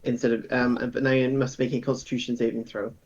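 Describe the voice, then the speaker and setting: A man running a tabletop game as game master, brisk and quick to laugh. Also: mid-range voice, level tone, darkish tone, dull audio, a little hiss or hum.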